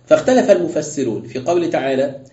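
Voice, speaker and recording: Fast-talking sheikh lecturing. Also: male voice, fairly high pitch, expressive, dark tone. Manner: explanatory, rhetorical questions, quotes and reads texts aloud. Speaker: sheikh teaching exegesis. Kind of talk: classroom lecture with commentary. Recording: roomy, dull lo-fi lecture recording.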